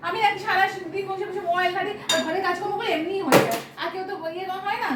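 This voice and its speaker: Vlogger wife, West Bengal accent, very high and quick, roomy distant kitchen sound. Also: female voice, fairly even intonation, very noisy. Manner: rapid complaining talk with many fillers. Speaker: vlogger and homemaker. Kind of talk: casual domestic argument. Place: home kitchen.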